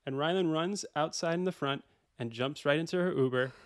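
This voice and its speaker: A young man, a podcast guest, telling a story in casual chat, animated and laughing often. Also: fairly high pitch, fairly quick, no echo, clean studio sound.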